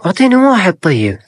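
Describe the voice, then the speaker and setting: A woman's voice: lowish voice, breathy edge. A woman filming a casual family vlog, coaxing the children along with playful, admiring exclamations.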